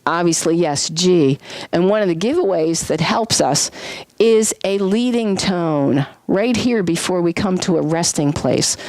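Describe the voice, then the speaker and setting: A woman teaching a music class in a lively way, often questioning her students and singing examples. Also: on the low side, measured pace, dry recording. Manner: lively, sings solfege and vocal sound effects to demonstrate; asks the class frequent questions. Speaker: music instructor. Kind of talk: classroom lecture.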